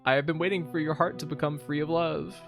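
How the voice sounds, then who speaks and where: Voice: medium pitch, steady tone, fast talker, a bit bright, soft background music, close to an everyday voice. Gloating she-devil, read out by a game player. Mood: smug, gloating. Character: gloating female devil possessing a lover's body. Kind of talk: video game dialogue read aloud.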